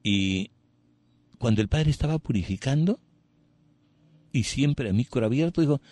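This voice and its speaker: A man recounts a personal testimony in an earnest, emotional way, his sentences often restarting and ending in little tag questions. His voice sits at an ordinary middle pitch. The recording is dry and close. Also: expressive, unhurried, mellow, no echo. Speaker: speaker giving a testimony.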